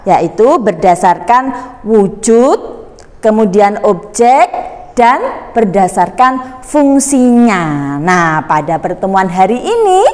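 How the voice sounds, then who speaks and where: A woman's voice: mid-range voice, big pitch swings, slow pace, a little mellow. A woman teaching a primary school lesson, explaining to children and prompting them with questions. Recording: echoey, long reverb.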